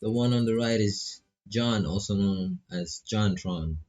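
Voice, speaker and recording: This streamer, a man with a Filipino accent, plays through a visual novel and reads its lines in a relaxed way, joking as he goes. He speaks unhurriedly in a fairly low, slightly mellow voice over background music.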